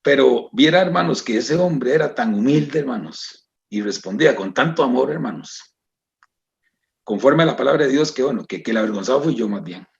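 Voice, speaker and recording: A man's voice: medium pitch, animated, moderate pace, gravelly, highs cut off. A man with a Costa Rican accent giving an emotional personal testimony to a church congregation, often calling out to his brothers and sisters. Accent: Costa Rican Spanish. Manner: emotional, repeats "hermanos" and "¿verdad?".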